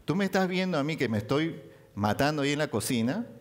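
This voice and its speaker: A man's voice: on the high side, lively intonation, fast talker, natural voice. A man preaching a sermon, quoting Martha as an overworked woman complaining in a reproachful tone.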